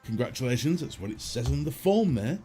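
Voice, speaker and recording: A man voicing a weary, matter-of-fact female hospital doctor who talks in flat, offhand phrases and repeats herself. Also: medium pitch, fairly quick, faint music behind, voice pushed down, natural voice.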